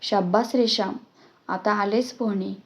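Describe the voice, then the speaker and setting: A woman's voice: medium pitch, steady tone, normal speed, close to an everyday voice. A woman voicing an encouraging young man who teaches a boy to swim, in a storybook reading. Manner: coaxing, encouraging.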